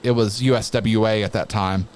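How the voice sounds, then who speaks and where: A man who works as a wrestling announcer, chatting casually as an interview guest in a halting, reflective way. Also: lowish voice, steady tone, darkish tone, slight background noise.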